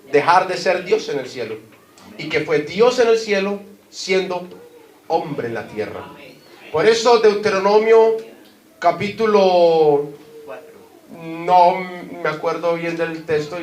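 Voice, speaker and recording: A man with a Colombian Spanish accent preaching a sermon as pastor, putting questions to the congregation and stressing his points. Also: high voice. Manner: preaching with rising emphasis, asks the congregation questions. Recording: echoey hall.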